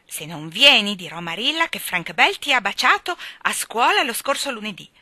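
A woman's voice: medium pitch, very animated, normal speed, dry recording, heavily acted. Davy, a woman doing a cheeky defiant boy. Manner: loud, taunting and triumphant. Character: cheeky defiant young boy, boastful troublemaker.

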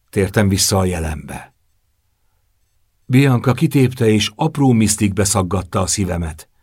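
A man narrating a novel in the first person, in a measured, subdued storytelling manner. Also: on the low side, darkish tone, husky, dry recording, clean studio sound. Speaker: audiobook narrator.

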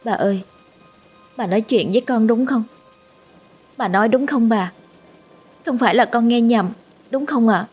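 A woman's voice: on the high side, moderate pace, pauses often, darkish tone, slightly rough, faint music behind, voice pushed up. A woman doing a timid, pleading young wife.

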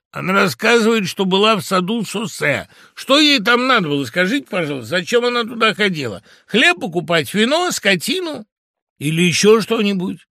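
A blunt, hot-headed woodpecker from a fairy tale, voiced by a man who mocks and scolds. His voice is lively and slightly raised, with a gravelly grain. Dry and close to the mic. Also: high voice, dry recording, pitched above the performer's own voice, exaggerated voice. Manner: mocking, blunt, argumentative. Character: suspicious mocking male woodpecker, blunt and hot-tempered.

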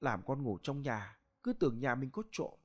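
Guy voicing a sensible young niece, gentle and practical, barely changing his voice, ghost story. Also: medium pitch, big pitch swings, normal speed, soft background music. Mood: soothing. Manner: soothing, practical.

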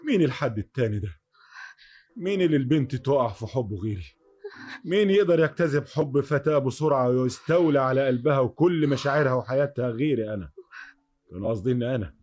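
Jittery egyptian murderer in an old radio play, stammers, goes from whispering to yelling, husky. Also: male voice, mid-range voice, lively intonation, fast. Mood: raving. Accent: Egyptian Arabic. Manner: stammering, swinging between murmurs and shouts. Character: unhinged young man raving about a killing. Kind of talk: vintage radio drama acting.

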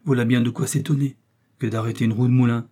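A stubborn, blustering innkeeper, as a man reads him in an audiobook, who defends his books of knights with gusto. Dark, husky tone throughout. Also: medium pitch, fairly even intonation, fast talker, close to an everyday voice. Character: stubborn old innkeeper in love with chivalry books. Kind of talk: audiobook reading.

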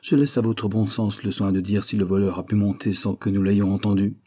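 A man's voice: on the low side, fairly even intonation, a little fast, mellow, breathy edge. A man reading an audiobook, voicing an impatient older magistrate who speaks curtly. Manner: curt, impatient.

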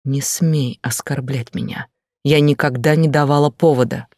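A man's voice: mid-range voice, fairly even intonation, moderate pace, a little mellow, dry recording, clean studio sound, natural voice. A man voicing an indignant, hurt wife in an audiobook, talking back firmly.

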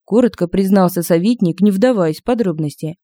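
A woman's voice: mid-range voice, a little fast, dark tone, no room sound, studio quality. Woman narrating a comic fantasy audiobook. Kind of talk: scripted narration of humorous fantasy. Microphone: close home-studio mic.

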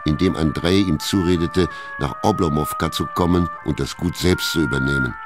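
Deep male narrator for a literary radio play, calm delivery, clear music behind. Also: normal speed.

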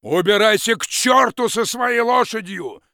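A man voicing a gruff, sullen forester who speaks in curt commands, read as an audiobook. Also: mid-range voice, very animated, measured pace, no echo, clean studio sound, full character voice. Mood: stern. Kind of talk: audiobook reading.

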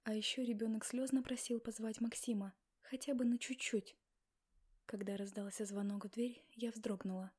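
Woman reading a novel aloud, mellow dark voice, fairly high, dramatic. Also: fairly even intonation, normal speed, slightly rough. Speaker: audiobook narrator. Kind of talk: first-person audiobook narration.

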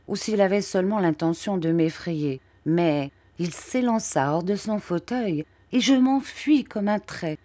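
Low-voiced woman reading a novel aloud. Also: warm tone, no room sound. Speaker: audiobook reader. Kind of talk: scripted narration of a classic novel.

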